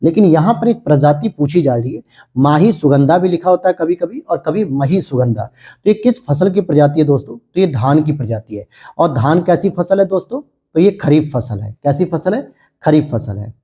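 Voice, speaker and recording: A man runs through exam questions in a teacherly lecture, asking each one aloud and then answering it himself. His voice sits a little high but sounds dark and mellow, with a husky edge. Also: expressive, normal speed. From India.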